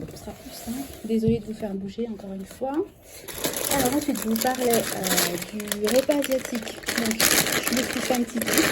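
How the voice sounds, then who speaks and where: A woman in her thirties with a French accent, chatting casually through a grocery unboxing vlog, correcting herself often and filling pauses with "euh". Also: a little high. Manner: chatty, self-correcting, many fillers. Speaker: vlogger. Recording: clear background noise.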